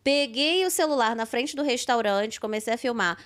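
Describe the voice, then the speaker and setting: A Brazilian woman podcast host with a Brazilian Portuguese accent, telling a story in a lively, dramatic way with quick asides. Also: fairly high pitch. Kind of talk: animated storytelling chat.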